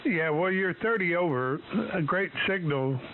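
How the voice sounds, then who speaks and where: Brief: ham operator, man, heard over a hissy shortwave radio link, plain-spoken and frank, voice slightly high. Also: unhurried. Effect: received over shortwave radio, hissy and narrowband. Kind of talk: ham radio contact exchange. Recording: narrow radio band with steady hiss.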